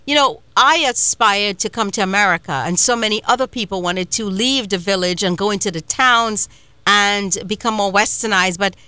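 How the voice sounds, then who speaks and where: A woman from Trinidad and Tobago hosting a casual interview, telling stories with animated laughter. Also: mid-range voice, normal speed, clear, resonant tone, dry recording. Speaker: show host.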